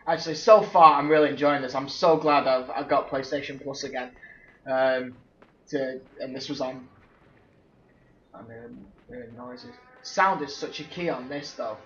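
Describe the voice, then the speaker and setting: A man's voice: medium pitch, moderate pace. A man commentating his game play, jumpy and swearing, exclaiming at every scare. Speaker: let's play gamer. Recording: echoey, slightly dull, faint noise.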